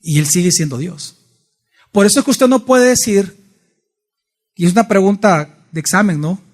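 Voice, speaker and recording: A male pastor gives a Bible study sermon in church. His voice sits high for a man, and he keeps stopping to put questions to his listeners. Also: expressive, moderate pace, a little mellow. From El Salvador. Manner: asks the congregation frequent questions.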